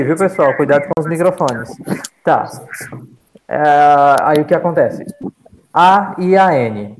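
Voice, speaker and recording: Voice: mid-range voice, darkish tone, a little hiss or hum, rough recording. An English teacher with a Brazilian accent, explaining a grammar point in an online class and patiently repeating examples. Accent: Brazilian Portuguese. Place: online video call.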